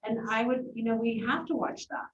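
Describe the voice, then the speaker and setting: A woman school district administrator giving measured, reassuring remarks at a board meeting. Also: on the high side. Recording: distant, roomy, dull meeting-room audio.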